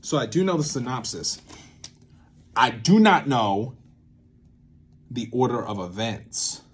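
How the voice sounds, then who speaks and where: Speaking slowly in a sing-song, medium-pitched voice, this man rambles playfully through an off-the-cuff tutorial, musing aloud and muttering asides to himself. He is a theatre maker presenting a series about creative methods.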